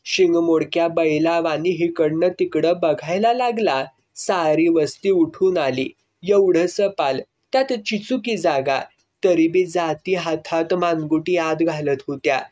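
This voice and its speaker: Male storyteller, fairly high voice, vivid rustic narration. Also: unhurried, a little mellow. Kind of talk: narrated reading of a village story.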